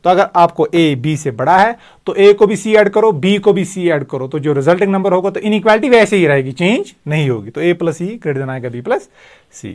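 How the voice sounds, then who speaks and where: Math lecturer, higher voice. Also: male voice, lively intonation, normal speed, darkish tone. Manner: explains step by step, repeats key terms. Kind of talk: recorded video lecture.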